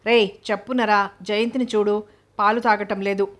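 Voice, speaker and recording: ఒక స్త్రీ చదివే కసురుకునే బావ. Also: female voice, medium pitch, fairly even intonation, moderate pace, fairly bright tone, lightly acted. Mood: blunt. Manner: blunt and scolding.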